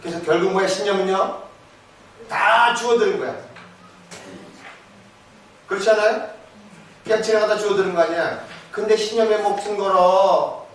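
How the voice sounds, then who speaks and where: A man with a fairly high voice gives an animated live lecture, asking his listeners questions and answering them himself. He slips between casual speech and polite address. The recording is distant and very echoey, with steady hall noise behind him. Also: normal speed, pauses often. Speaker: parenting lecturer.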